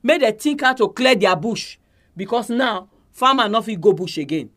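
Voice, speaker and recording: High-voiced Nigerian man leading prayer in Pidgin. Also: lively intonation, normal speed, a bit bright. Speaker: prayer meeting leader.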